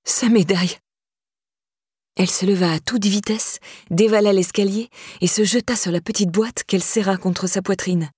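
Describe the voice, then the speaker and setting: A woman narrating an audiobook in a measured, even way, with a husky voice. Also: mid-range voice, dry recording, clean studio sound. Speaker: audiobook reader.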